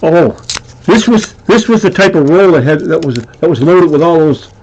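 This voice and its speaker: A man with a Nova Scotian accent chatting casually and excitedly as he sorts coin rolls, chuckling often. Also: on the high side, moderate pace, lo-fi sound. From Nova Scotia, Canada. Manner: excitable, chuckling, breathless at finds. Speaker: coin roll hunter. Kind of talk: casual chat while sorting coins.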